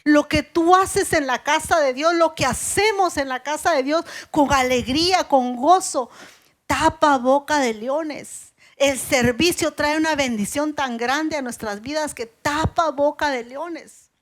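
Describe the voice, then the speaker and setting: High-voiced woman preaching a sermon. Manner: earnest, slows down to stress scripture quotes. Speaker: preacher at a women's service.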